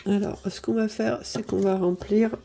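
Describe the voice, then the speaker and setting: A budget vlogger from southern France, congested from a cold, talks casually through her budget from her apartment, reasoning aloud about the numbers with plenty of apologies. She speaks at a medium pitch and normal speed with fairly even intonation and some creakiness, over heavy background noise.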